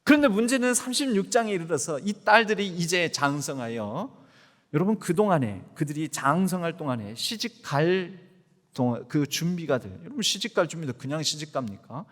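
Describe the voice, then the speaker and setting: Animated Jeolla-accented male pastor preaching. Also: on the high side, moderate pace. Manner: animated, emphatic preaching that addresses the congregation directly. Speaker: senior pastor. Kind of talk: sermon. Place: church sanctuary. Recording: long church hall reverb.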